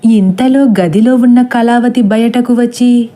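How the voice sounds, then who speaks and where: A woman reading a horror story aloud in a steady, suspenseful way. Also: fairly high pitch, measured pace. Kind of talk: scripted horror story narration.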